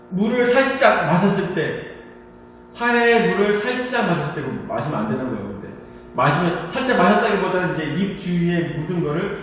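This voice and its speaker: A man preaching with a fairly high voice, telling a personal story with animated energy. He is recorded from a distance in a large, very echoey church hall, with a faint hum underneath. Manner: animated storytelling, laughing at himself, shouting quoted lines. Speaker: pastor.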